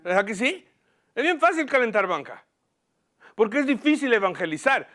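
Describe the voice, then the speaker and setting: Male pastor, high voice, lively sermon with questions to the congregation, slips in English words. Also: normal speed. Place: church platform.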